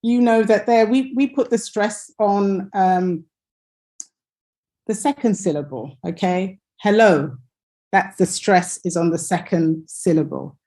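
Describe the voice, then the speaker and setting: A woman's voice: mid-range voice, measured pace, mellow. A woman teaching English pronunciation in an online lesson over a computer mic, hesitant, with many fillers and restarts.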